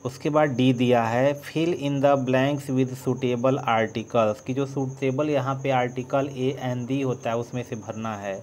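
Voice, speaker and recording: Slow-spoken male teacher. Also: medium pitch, steady tone, slight background noise. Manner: dictates letter by letter, trails off softly while writing. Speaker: English teacher. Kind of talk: slow board-writing lesson, spelling out words.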